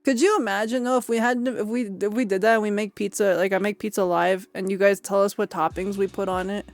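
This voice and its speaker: A woman's voice: medium pitch, fairly even intonation, a little fast, no room sound. A young woman streamer chatting casually with her viewers, giggly and rambling, often repeating herself.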